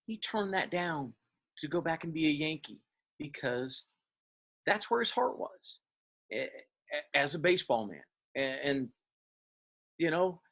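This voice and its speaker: A man, talking as an interview guest and reminiscing in a halting way, with many fillers and restarts. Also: on the high side, a bit bright. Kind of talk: casual interview.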